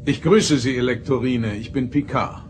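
An actor playing a courteous, diplomatic starship captain in a sci-fi audio drama, polite and measured. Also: male voice, mid-range voice, a little hiss or hum, natural voice. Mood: official.

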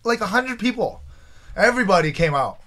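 A man in his forties from Taiwan, telling his own stories as a guest in a casual interview, animated and quoting himself. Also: high-pitched, brisk. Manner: animated, restarts often, quotes himself. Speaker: guest, former fighter.

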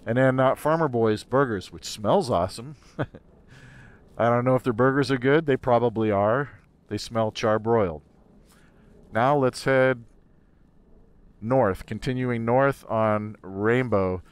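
A man's voice: medium pitch, slow pace, pauses often, clean tone, no room sound. A man talking inside a helmet, casually narrating as a vlogger while he rides a motorcycle. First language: English. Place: outdoors on a motorcycle in city traffic. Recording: road, wind and vehicle noise. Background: traffic and motorcycle ride noise.

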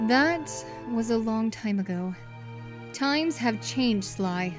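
A woman's voice: on the high side, lively intonation, takes it slowly, music in the background. A woman voicing a tough, hot-tempered young fox policewoman, indignant and determined, in a cartoon comic fan dub. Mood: stern, confident.

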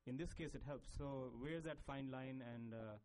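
On a conference panel stage, a man from Pakistan speaks as a panelist, explaining at length in a discursive way full of fillers and restarts. His mid-range voice is a little mellow and moves at a moderate pace.

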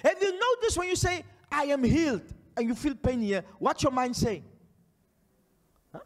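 A man from Namibia preaching a charismatic sermon on a large church stage into a handheld mic, shouting declarations and prophecies while he paces and gestures. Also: very high voice, very animated, moderate pace. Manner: pacing and gesturing energetically. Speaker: pastor. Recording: long hall reverb.

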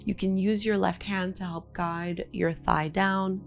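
A woman in her thirties teaching yin yoga in a soothing, gentle, instructive way. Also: medium pitch, fairly even intonation, a little slow, vocal fry, dull audio, soft background music. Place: indoor home studio room, seated and lying on a mat.

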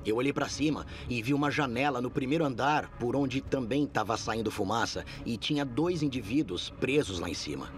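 A man with a Brazilian accent voicing an earnest sheriff's deputy in his thirties, in measured documentary interview narration. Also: medium pitch, lively intonation, close to an everyday voice. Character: earnest male sheriff's deputy recounting a rescue.

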